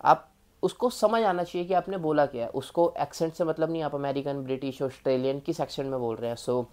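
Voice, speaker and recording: A man's voice: a little high, a little fast, a little mellow. A man with an Indian accent giving a casual spoken tutorial on exam preparation, chatty and informal, speaking straight to the viewer. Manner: chatty and informal, calling the viewer "yaar" and "bhai".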